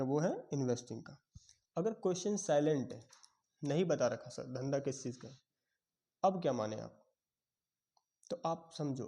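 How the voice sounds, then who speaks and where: A man's voice: medium pitch, warm tone. A young man teaching a commerce lecture, quizzing students and acting out their answers in Hinglish. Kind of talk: classroom lecture.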